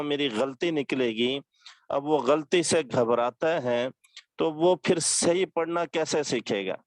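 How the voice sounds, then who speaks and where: A man's voice: mid-range voice, no echo. A man, a religious teacher giving earnest advice to his students and repeating each point. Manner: repetitive, earnest, exhorting.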